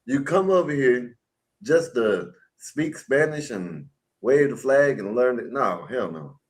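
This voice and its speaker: A man's voice: medium pitch, expressive, slow pace, rough recording. A man on a live panel stream, talking bluntly and with a lot of swearing, ranting as he goes. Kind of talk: casual livestream panel chat. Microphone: home mic on a video call.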